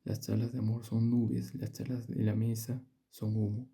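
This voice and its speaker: Low gravelly male narrator. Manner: measured, steady reading. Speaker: audiobook narrator. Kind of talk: reading a classic novel aloud.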